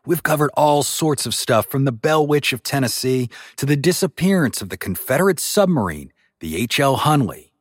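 Husky man, lively read. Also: medium pitch, dry recording, studio quality. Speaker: podcast host. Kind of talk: scripted promo read.

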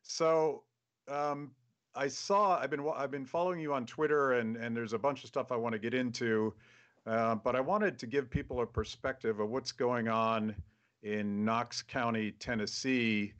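A man hosting a show, interviewing a guest over a video call and talking haltingly with many restarts. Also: mid-range voice, fairly even intonation, fairly bright tone. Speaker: show host.

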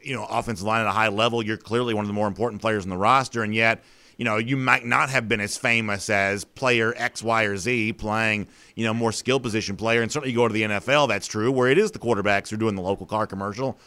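A man's voice: on the low side, steady tone, fast, pushed and bright. A man hosting a sports talk show, thinking aloud in a conversational, opinionated way with plenty of fillers.

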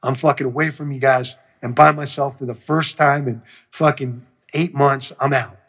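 Husky-voiced man telling a story, swearing. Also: medium pitch, moderate pace. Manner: profane, animated storyteller who acts out quotes. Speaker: music producer. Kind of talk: storytelling interview.

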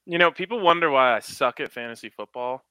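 A man's voice: medium pitch, a little fast, pushed and bright, smooth, no room sound. A man hosting a sports podcast, chatting casually and jokingly about betting.

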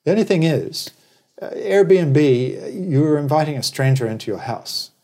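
A fairly high-pitched, expressive man speaks unhurriedly with a darkish tone. Born in New Zealand and later living in Australia, he's a travel business operator appearing as an interview guest, meandering through opinions and wry anecdotes in conversational commentary.

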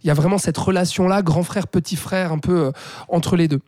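High-voiced blunt opinionated man. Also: brisk, no echo, clean studio sound. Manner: lively, blunt, opinionated, many fillers. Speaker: film critic co-host. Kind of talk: casual film discussion.

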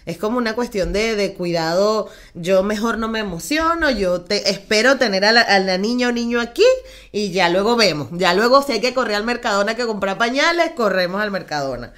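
A woman hosting a podcast, chatty and expressive, reacting eagerly to her guest. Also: mid-range voice, a little fast. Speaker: podcast host. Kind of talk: casual chat interview.

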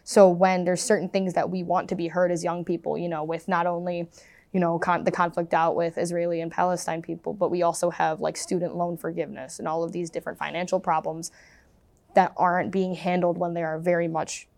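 Young woman, lowish voice, dry close sound, loose casual talk. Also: level tone, brisk, gravelly, a little mellow, dry recording. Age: young adult. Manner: casual, rambling with fillers. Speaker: student interviewee.

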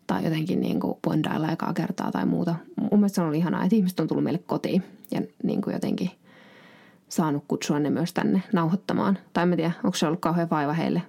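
A woman's voice: sits low, gravelly, dark tone. A woman hosting her own podcast, chatting casually and answering listener questions, rambling with many fillers and restarts. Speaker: podcast host.

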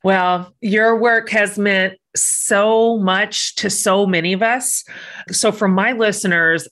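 A woman's voice: mid-range voice, fairly bright tone. A middle-aged woman hosting a podcast interview, talking earnestly and with effusive praise. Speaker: podcast host.

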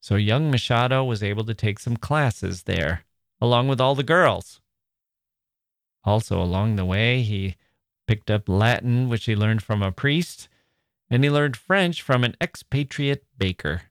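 Reading scripted narration for his literature podcast, an English-speaking host guides listeners through his notes with chatty, wry, self-deprecating asides. His medium-pitched voice is animated and unhurried. It's studio-quality audio without echo.

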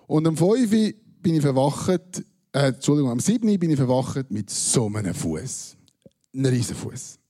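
With a Swiss German accent, a man from Switzerland recounts a personal story to an audience, landing punchlines with dry humor at his own expense. He has a medium-pitched, dark voice with a sing-song lilt and a measured pace.

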